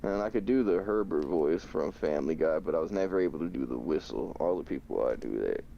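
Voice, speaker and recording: Deep, gravelly young streamer man. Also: animated, quick pace, warm tone, lo-fi sound, a little hiss or hum. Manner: laid-back, slangy, laughs often. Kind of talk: casual chat while gaming.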